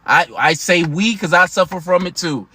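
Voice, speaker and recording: A man's voice: sits high, moderate pace, sharp tone, dry recording. A man in his thirties hosting a casual livestream, talking to viewers in a slangy, emphatic, chatty way. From United States. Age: 30s. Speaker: livestream host.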